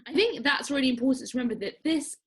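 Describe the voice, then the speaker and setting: Husky woman presenting a workshop. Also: high voice, fast talker, poor audio. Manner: explanatory, frequent ums, upbeat. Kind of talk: educational workshop talk.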